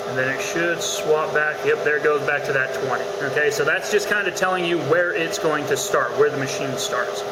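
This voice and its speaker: A man with a slightly high voice talks through a hands-on tutorial as an instructor, casual and explanatory. The room is echoey, and steady machine noise runs clearly behind his voice. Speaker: welding instructor. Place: room or workshop beside welding machine. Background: steady welding machine noise.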